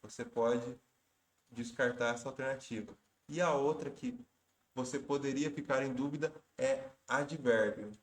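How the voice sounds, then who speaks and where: Speaking a little slowly in a mid-range voice, a man walks his exam-prep students through Portuguese grammar questions one step at a time. He's patient and frequently corrects himself. There's a noticeable room echo.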